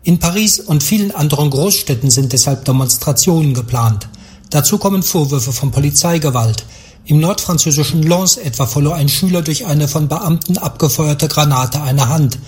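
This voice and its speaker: Male correspondent, higher voice, standard report read. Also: moderate pace, darkish tone, slight background noise. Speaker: foreign correspondent. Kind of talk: news report.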